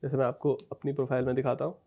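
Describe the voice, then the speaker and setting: A man's voice: medium pitch, flat delivery, very fast, dark tone. A man teaching a casual screen-share tutorial, talking conversationally with frequent fillers and check-ins. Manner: conversational, repeats "thik hai" and "dekhiye", frequent fillers. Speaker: instructor teaching Instagram growth.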